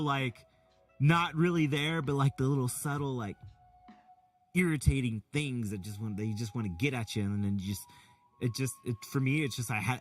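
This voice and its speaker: Middle-aged male streamer, rambling and animated, mid-pitched, a bit off-mic over soft music. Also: far from the mic. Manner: rambling, animated, many restarts. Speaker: streamer reading chat. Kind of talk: casual chat. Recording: from the mic, faint music behind.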